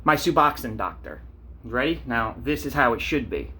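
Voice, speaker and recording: A man's voice: medium pitch, expressive, moderate pace, pushed and bright, husky. A man ranting on a vlog, blunt and profane, telling stories and asking rhetorical questions. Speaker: vlogger.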